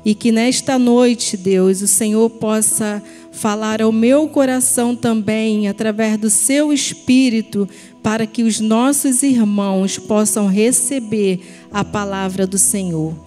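A woman in her thirties preaching a sermon from a church pulpit into a handheld mic, earnest and deliberate, addressing the listeners as brothers and sisters. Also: on the high side, steady tone, dark tone, faint music behind. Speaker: ministry team member preaching. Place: church stage at a pulpit, indoors.

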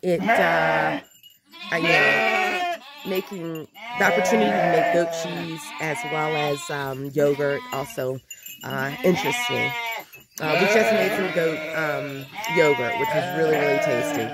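Slow-talking woman vlogging at a farm pen. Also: deep voice, expressive. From Panama. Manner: unhurried, many ums and restarts. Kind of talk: casual vlog walkthrough. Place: outdoor farm, open-sided animal pen. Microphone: phone held at arm's length. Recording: loud bleating animals and outdoor noise. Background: goats and sheep bleating loudly.

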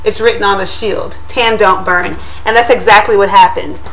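A woman's voice: medium pitch, fairly even intonation, normal speed, fairly bright tone, soft background music, rough recording. A young woman in her home kitchen, chatting upbeat to a webcam about a pie crust shield. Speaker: vlogger. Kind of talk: casual product review vlog. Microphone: built-in webcam mic, close to the camera.

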